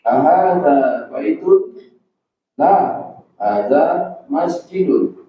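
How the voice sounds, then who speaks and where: A man reading aloud haltingly as a student in a class. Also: on the high side, animated, slight background noise. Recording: distant, echoey, muffled room.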